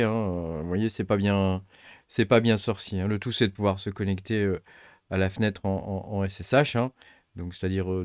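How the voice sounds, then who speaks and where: Tech channel host, middle-aged man, low voice, dry close recording, rambling think-aloud delivery full of fillers. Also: no echo. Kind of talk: casual screen-recorded tutorial.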